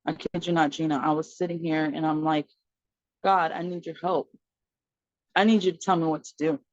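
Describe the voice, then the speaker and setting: A woman's voice: deep voice, normal speed, dry recording, lo-fi sound. A woman, a podcast guest and mother of four, telling a personal story in conversation, acting out what others said to her, with laughter and fillers. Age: adult mother of four. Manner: animated storyteller acting out quoted dialogue.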